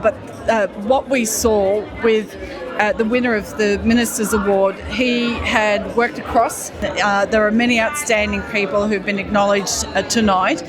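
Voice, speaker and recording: A woman speaking as a government minister at an event, upbeat with frequent hesitant pauses. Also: mid-range voice, fairly even intonation. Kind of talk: event interview. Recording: event with music and crowd chatter.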